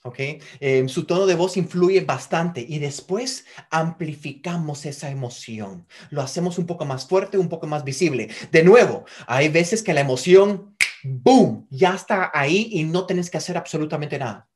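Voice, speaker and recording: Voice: medium pitch, animated, normal speed, darkish tone, husky. A hypnosis instructor, teaching a tutorial, often checking in with "ok?" and shifting voice to demonstrate questioning. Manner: stammers on repeated words.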